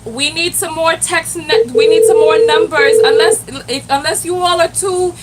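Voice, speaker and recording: Her voice is very high and her pace normal, and the audio is very noisy. As a self-love coach on a live stream, she chats with lots of animation, addresses the chat directly and throws in "Lord have mercy."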